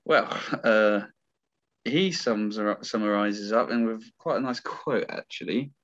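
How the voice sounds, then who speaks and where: A man's voice: lowish voice, unhurried, fairly bright tone, no room sound. A young man in his twenties co-hosting a casual film podcast, rambling with many hesitant fillers. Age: 20s. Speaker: podcast co-host. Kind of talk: casual film-review chat. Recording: dull, dry lo-fi mic.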